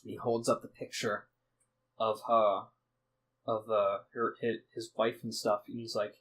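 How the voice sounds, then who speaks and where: A man's voice: lowish voice, flat delivery, unhurried, fairly bright tone, a little hiss or hum, rough recording. Rambling, profane young man recapping a game. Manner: rambling, profane, restarts often; acts out characters' lines in snippets. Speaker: podcast host recapping a tabletop game. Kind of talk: casual storytelling recap.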